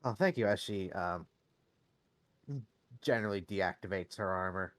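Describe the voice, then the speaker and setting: A man's voice: low voice, moderate pace, a bit bright, dry recording. A man playing a tabletop game, bantering in character in a wry, slightly formal way.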